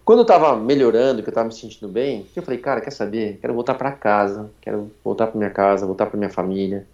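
A Brazilian man in his forties, a former racing driver telling his story as a podcast guest, talking quickly through a nearly closed mouth with little intonation. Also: lowish voice, darkish tone. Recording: dull lo-fi sound.

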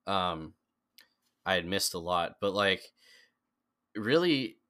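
A young man with a low voice chats on a podcast as the guest. His tone has a bright, forceful edge, and he rambles through his memories with plenty of fillers and restarts. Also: animated, slow pace. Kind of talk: casual chat.

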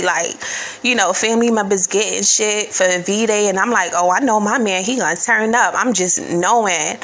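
A woman's voice: mid-range voice, a bit bright, a little hiss or hum. A woman in her thirties telling a personal story in a candid, casual, profane way, full of fillers.

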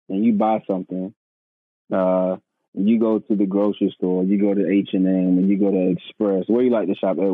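This podcast guest is a male pastor in his thirties with a lowish voice, speaking in casual, earnest conversation about his own story. He repeats words a lot and addresses the host as "man" or "bro." There's no room sound, though the audio comes through thin and tinny, like a phone line.

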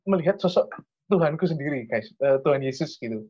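A man's voice: fairly high pitch, animated, normal speed, a little mellow, slightly rough, muffled recording. A young man with an East Javanese accent tells a personal story in casual chat, earnest and rambling. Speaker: storyteller sharing a testimony.

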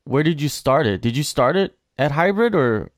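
A man hosting an interview, asking questions in a relaxed, conversational way. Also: fairly high pitch, normal speed, dry recording. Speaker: interview host. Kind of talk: casual interview.

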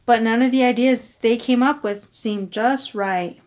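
A woman reading a picture book aloud to her young son, expressive and stopping to ask him questions. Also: fairly high pitch, measured pace. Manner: expressive, asks the child questions.

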